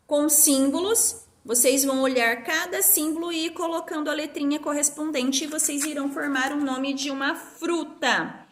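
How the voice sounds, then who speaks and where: A woman teaching a recorded lesson to young pupils, explaining clearly and stressing syllables aloud. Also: high voice, fairly bright tone. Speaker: schoolteacher. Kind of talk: remote class lesson. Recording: echoey room.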